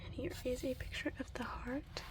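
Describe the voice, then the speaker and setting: Soft, high-voiced woman whispering a reading. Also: steady tone. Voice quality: soft, breathy voice, often sinking into a whisper. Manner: gentle, unhurried reading with murmured asides and stumbles over hard words. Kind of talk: soft-spoken ASMR reading from an anatomy book.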